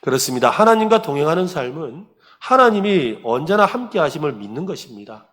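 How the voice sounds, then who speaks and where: A man's voice: fairly high pitch, a little fast. A man, a pastor, preaching a sermon and telling stories, often asking the congregation questions. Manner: animated storytelling, asks the congregation questions.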